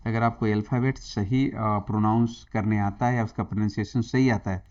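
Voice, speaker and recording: A man's voice: fairly low pitch, fairly even intonation, normal speed, darkish tone. Indian man teaching grammar, dull audio. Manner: mixes Hindi and English, quizzes viewers, repeats "yes, yes". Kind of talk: exam-prep grammar lesson.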